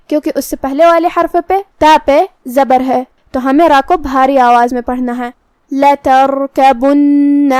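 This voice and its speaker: Female tajweed teacher, high-pitched, methodical, dry close-miked read. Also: dry recording. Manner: calm, methodical, explains each letter slowly. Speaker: Quran recitation teacher. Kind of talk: step-by-step tajweed lesson.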